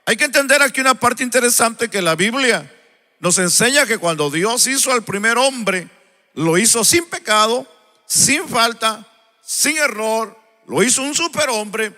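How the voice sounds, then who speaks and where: A male preacher gives a live sermon after an opening prayer in a church sanctuary. He tells stories slowly and often checks in with the congregation. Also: very high voice, animated, bright, forceful tone. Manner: unhurried storytelling, often asks the congregation "¿verdad?". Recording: long church-hall reverb.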